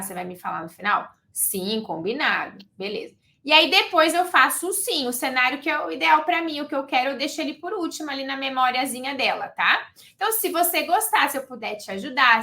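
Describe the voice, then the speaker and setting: A woman teaching sales techniques in a lively, conversational way, acting out sales calls as she goes. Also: high voice. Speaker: sales trainer. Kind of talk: conversational teaching with role-play examples.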